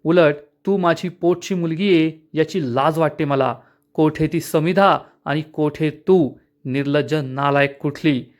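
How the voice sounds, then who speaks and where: A man's voice: a little high, unhurried, natural voice. A man reading out the lines of an angry, stern mother from a TV serial in a scolding tone.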